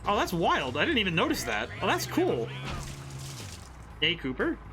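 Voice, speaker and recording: A man giving excited, bemused, exclamatory commentary while playing a video game. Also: sits high, normal speed. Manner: exclamatory, reacts aloud with ows and laughs. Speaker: game streamer, game designer. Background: game music.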